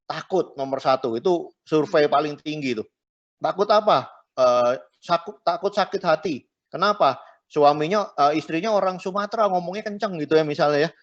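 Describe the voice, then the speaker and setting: A middle-aged man, a pastor, teaching a marriage class in a chatty way, tagging his phrases and mixing in English words. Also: sits high. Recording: dull lo-fi recording.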